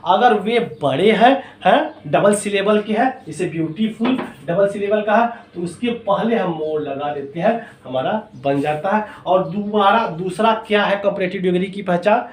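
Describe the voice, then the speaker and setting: A man's voice: high voice, normal speed, few pauses. A male teacher giving a classroom-style grammar lesson, explaining step by step and asking and answering his own questions. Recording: echoey room, voice a bit far from mic.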